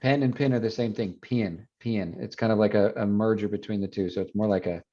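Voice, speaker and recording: A university teacher explaining sound changes in a bilingual classroom lecture, mixing in English asides with frequent fillers. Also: male voice, lowish voice, brisk, dark tone, muffled recording. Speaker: university Spanish phonetics teacher.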